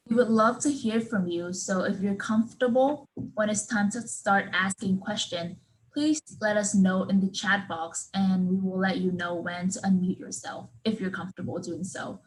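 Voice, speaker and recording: A woman's voice: mid-range voice, poor audio. A young woman moderating a Q and A on a video call, polite and partly scripted, with many likes and ums. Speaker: student moderator.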